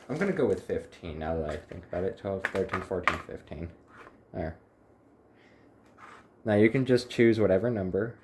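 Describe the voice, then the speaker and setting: Rambling with wry asides, a man who hosts a cooking channel chats to the camera as he makes food in his home kitchen. His voice is low-pitched, with noise in the background.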